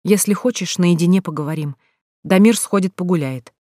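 An audiobook narrator voicing a gentle young woman who speaks quietly and soothingly to a runaway teenager, in a dry recording. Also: mid-range voice, moderate pace, dry recording, natural voice. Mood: coaxing.

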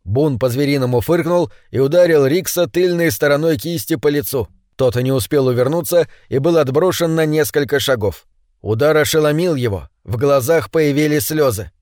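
A man's voice: on the high side, moderate pace, darkish tone, no echo, studio quality. Man narrating a dramatic audiobook. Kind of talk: scripted narration.

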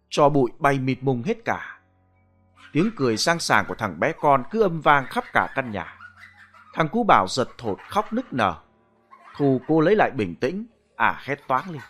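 Man narrating a horror story dramatically. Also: medium pitch. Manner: dramatic, animated. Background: soft background music.

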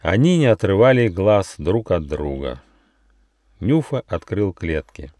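A man reading his own fairy tale as an audiobook, with expressive storytelling. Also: low voice, a little slow, dry recording. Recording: dry studio audiobook.

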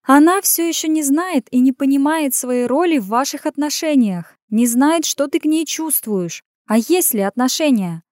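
A woman's voice: sits high, animated, normal speed, darkish tone, no echo, studio quality, voice pushed up. A woman putting on a sly purring temptress. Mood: mocking. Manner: bossy and mocking. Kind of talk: audiobook character voice.

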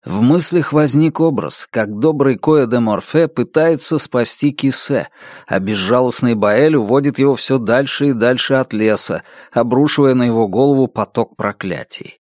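A man narrating a first-person story in a grave, measured way. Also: mid-range voice, darkish tone, no echo, clean studio sound.

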